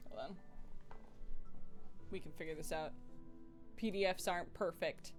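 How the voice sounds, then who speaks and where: A woman streaming a solo tabletop game, chatting excitedly with her viewers and reading out the adventure. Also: fairly low pitch, measured pace, soft background music. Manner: chatty and excitable, talks straight to her chat. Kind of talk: casual live-stream chat and adventure reading.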